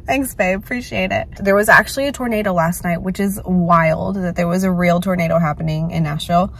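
A woman, chatting to camera in a rambling, self-deprecating vlog, her voice slightly hoarse from a loud night out. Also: on the low side, fairly even intonation, a little fast, a little hiss or hum. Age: late 20s. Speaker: vlogger. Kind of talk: casual vlog chat to camera.

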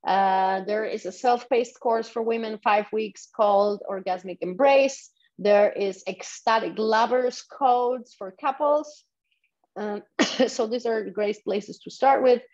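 A Polish sexuality coach appears as a guest on a podcast interview recorded at her home in Tulum, the dull lo-fi audio carrying her slightly high, darkish voice. She speaks slowly and enthusiastically, guiding listeners step by step.

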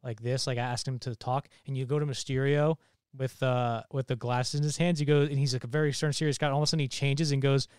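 A man on a movie podcast, excitedly retelling a scene in a rambling way with many fillers. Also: mid-range voice, fast talker, clean tone, dry recording, clean studio sound. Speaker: podcast panelist. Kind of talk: casual movie podcast chat.

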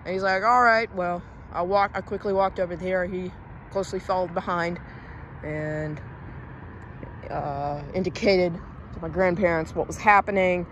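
A man's voice: high-pitched, fairly even intonation, moderate pace, fairly bright tone, highs cut off, slight background noise. A young man vlogging as a railfan beside the tracks, telling stories in a chatty, rambling way that keeps breaking off and restarting. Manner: chatty, rambling, self-interrupting. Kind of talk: casual storytelling to camera. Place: outdoors beside railroad tracks in town.

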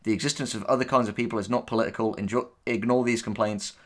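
A man with a low-side voice and fairly even intonation talks fast as co-host of casual commentary. A writer reacting to writing tips, he reads posts aloud and answers them with sardonic, dismissive, sweary remarks.

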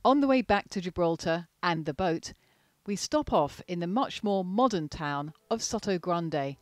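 Woman, voice-over narration, calm, wry, lowish voice, guitar music behind. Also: moderate pace. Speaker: vlog narrator. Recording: voice-over with loud music bed.

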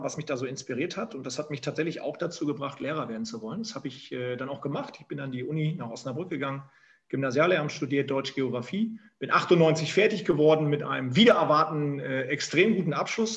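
The speaker is a man from Emsland, northern Germany, in his forties, whose accent shows as he narrates his career path with many fillers. A slightly high voice comes through a muffled remote-call recording in these interview answers.

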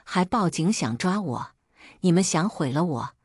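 A woman's voice: on the low side, animated, moderate pace, husky, dry recording, clean studio sound. A woman voicing a raging, jealous husband. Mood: enraged. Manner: shouting insults. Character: violent jealous husband, young adult man.

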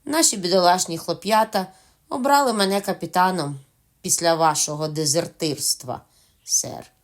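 A woman's voice: lowish voice, moderate pace, lightly acted. A woman voicing a cunning one-legged male pirate who talks with overly polite, ingratiating charm in a storybook reading.

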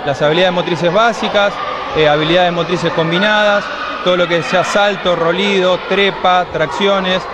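A middle-aged gymnastics school coordinator with an Argentine Spanish accent explains the program in measured answers full of hesitant "eh" fillers, his voice sitting high with fairly even intonation. He speaks into a handheld mic held by an interviewer in an indoor gymnastics hall with children, and loud crowd noise fills the background.

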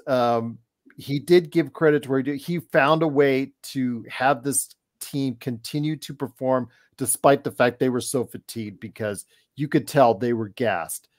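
Man, sports podcast host, direct opinions, dry close sound, medium pitch. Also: moderate pace, a little mellow, dry recording. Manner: opinionated, direct, addresses co-hosts. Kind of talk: casual sports talk. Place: home room on a video call.

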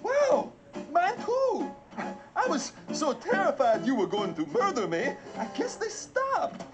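A woman voicing an excitable, goofy young male buddy, a giggly, bossy know-it-all in a comedy sketch. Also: high-pitched, slow pace, full character voice. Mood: relieved. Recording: slightly dull audio with music behind.

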